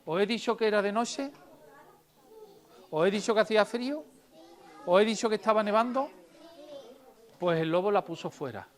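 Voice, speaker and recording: A woman storyteller reading and telling tales to children in a library, lively and asking them questions. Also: mid-range voice, moderate pace, pauses often.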